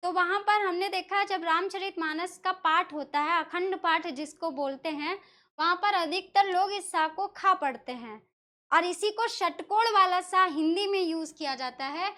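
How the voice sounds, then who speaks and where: A woman's voice: extremely high pitch, measured pace, bright, forceful tone. A woman teacher from northern India explaining a lesson step by step, asking questions and answering them herself. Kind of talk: classroom lesson explaining Sanskrit pronunciation.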